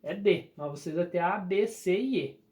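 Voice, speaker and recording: A teacher with a Brazilian Portuguese accent, patiently explaining a recorded grammar lesson and slowly drawing out the key words. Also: mid-range voice, a little mellow.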